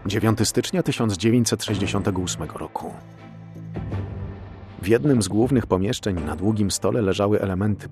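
A man narrating a crime audiobook in measured, scripted storytelling, close to the mic. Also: deep voice.

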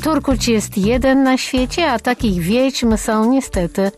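A woman's voice: on the high side, a little mellow, faint music behind, close to an everyday voice. A woman playing a bossy colonel mother. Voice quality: brisk, bossy, brooks no argument. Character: stern commanding mother, a colonel. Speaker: audiobook actress. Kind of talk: radio audiobook drama.

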